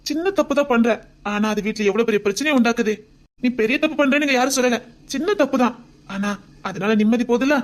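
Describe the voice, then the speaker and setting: Homemade drama role: a doting young husband with a Tirunelveli accent, soft and coaxing, higher-pitched, played by a woman. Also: quick pace, close to an everyday voice. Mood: earnest. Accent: Tirunelveli Tamil. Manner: tender, pleading, often near a whisper.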